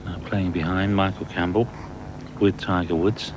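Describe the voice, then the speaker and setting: A man's voice: sits low, fairly even intonation, normal speed. A man giving live golf commentary as a broadcast commentator. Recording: noisy outdoor broadcast ambience. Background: outdoor course ambience.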